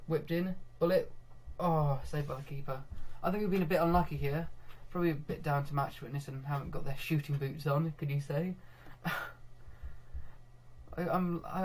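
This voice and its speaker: A young man commentating live on his own football management game, getting excitable when goals come and laughing at himself. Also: fairly high pitch, normal speed, a little hiss or hum. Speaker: gaming video host.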